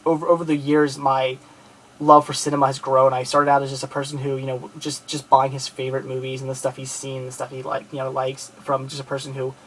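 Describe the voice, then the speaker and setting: Speaking a little fast in a mid-range monotone, a man in his late twenties from outside Philadelphia, Pennsylvania rambles casually to camera about his movies with plenty of fillers and restarts. He sounds friendly and grateful, in a low-quality recording with slight background noise.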